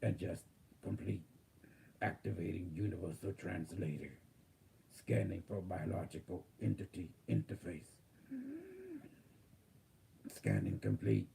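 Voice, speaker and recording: A man voicing a calm future AI healer that speaks in slow, gentle machine announcements. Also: low-pitched, gravelly, a little hiss or hum, voice pushed down, exaggerated voice. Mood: robotic, soothing. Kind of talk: spiritual channeling session.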